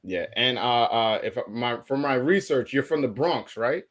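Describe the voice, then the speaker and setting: A man's voice: medium pitch, expressive, a little slow, fairly bright tone. A man hosting a casual boxing interview livestream, talking loosely with frequent repeats and restarts.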